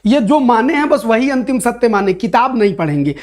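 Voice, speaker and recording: A man teaching a Hindi grammar class for an exam, lively and playful, reading out comments and answering them. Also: very high voice, brisk. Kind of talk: online exam-prep class.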